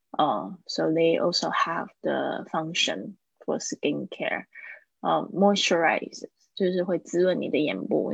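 A woman teacher leads a live-streamed English lesson, explaining phrases and repeating key words slowly. Her voice carries a gravelly, slightly husky edge. The sound is close and dry. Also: fairly low pitch, no room sound, highs cut off. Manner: patient explaining, drills pronunciation by repeating words.

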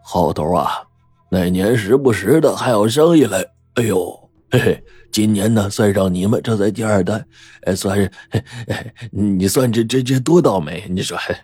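A gruff old villager who mutters short, sour lines, as a male narrator puts him on. The voice sits low and husky, slow in places, recorded close and dry, with faint music underneath. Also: darkish tone, no echo. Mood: grumbling. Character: grumpy old village man, curt, pipe-smoking. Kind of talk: audiobook character voice.

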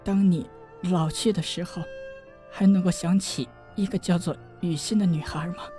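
一位女性在有声书中演绎一个温柔痴情、奄奄一息的年轻女子，说话轻柔断续，带着哭腔。. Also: female voice, on the low side, steady tone, soft background music, close to an everyday voice. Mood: weak, worried. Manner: soft, halting, tearful. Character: dying gentle young woman, tender and devoted. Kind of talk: audiobook drama reading.

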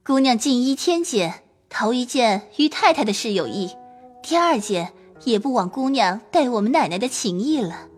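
A woman voicing Ping'er, a sharp-tongued clever maid. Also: a little high, animated, moderate pace, slightly rough, soft background music. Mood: coaxing. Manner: scolding, then coaxing with a smile. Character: quick-witted young maid, sharp-tongued yet tactful. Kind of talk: audio drama acting.

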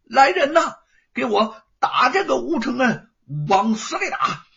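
A man voicing an arrogant young male bully, a rich landlord's son, who sneers and shouts. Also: very high voice, very animated, unhurried, vocal fry, pitched above the performer's own voice, heavily acted. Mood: blustering. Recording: dull lo-fi recording.

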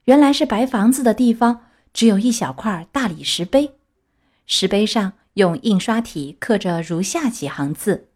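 A woman narrating a children's story in a steady, expressive reading voice. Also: medium pitch, normal speed. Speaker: audiobook reader. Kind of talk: scripted narration.

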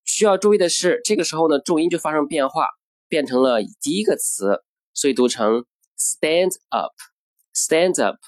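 A man teaching a language lesson on pronunciation, explaining each point and slowing down to repeat model phrases carefully. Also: on the high side, no room sound.

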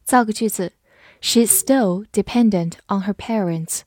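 In a dry, studio-quality recording, a woman with a slightly mellow mid-range voice teaches English vocabulary. Chinese is her first language, and she patiently spells words out letter by letter and reads example sentences slowly.

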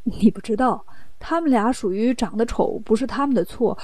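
A woman voicing a meek, timid male monk in a children's storybook telling, soft-spoken and hesitant. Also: fairly high pitch, moderate pace, no room sound, recorded from a distance, close to an everyday voice.

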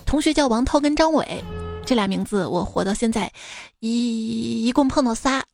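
A woman's voice: on the high side, normal speed, creaky, darkish tone. A woman hosting casually, reading out listener comments with informal, playful asides. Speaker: host of a comic listener-stories show. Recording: music playing behind the voice. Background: music.

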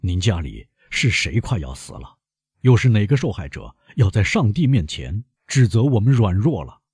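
A man's voice: fairly low pitch, expressive, a little mellow, slightly rough, no room sound, clean studio sound. A man voicing a grave older doctor who speaks coldly and evenly. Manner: cold, measured.

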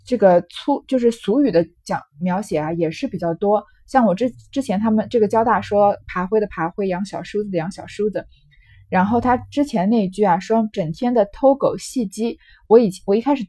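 A woman's voice: medium pitch, mellow, no room sound. A woman reading passages of a classic novel aloud and explaining them in a conversational way, with fillers and asides. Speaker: reader and commentator on a classic novel.

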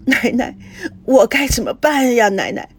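A woman's voice: fairly high pitch, big pitch swings, a little slow, vocal fry, slightly rough, pitched above the performer's own voice, exaggerated voice. A woman voicing an anguished young man who is pleading with his grandmother in a storybook reading. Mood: desperate pleading. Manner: pleading, distraught.

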